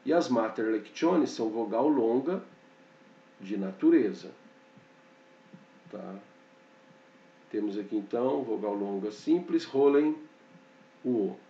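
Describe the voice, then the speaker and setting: A man teaching a slow, explanatory grammar lesson, pointing things out on a board and checking in often with short fillers. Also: on the low side, expressive, vocal fry, warm tone, distant mic. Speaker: Hebrew teacher. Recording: dull, echoey room, off-mic.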